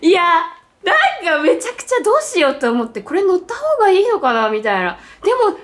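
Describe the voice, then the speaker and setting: A woman's voice: extremely high pitch, huge pitch swings, fast. A woman guest chatting casually in an exclamatory manner. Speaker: guest on a prank show. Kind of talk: casual chat.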